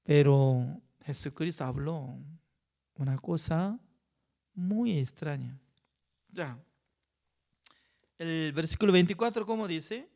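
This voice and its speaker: A male pastor leading a Bible study, talking in a halting way with non-native phrasing and frequent rhetorical asides. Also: a little high, expressive, gravelly, darkish tone.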